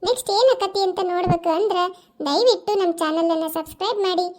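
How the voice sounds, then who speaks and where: Woman, cartoon channel creator, very high voice, polite appeal. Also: quick pace, a little mellow. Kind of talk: channel sign-off.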